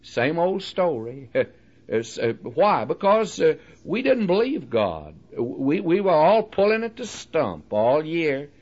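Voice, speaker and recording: A man's voice: fairly high pitch, sing-song, slow pace, darkish tone. A man preaching a sermon, pressing his listeners with direct questions and homely everyday illustrations. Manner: homely illustrations, folksy delivery. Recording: dull lo-fi recording.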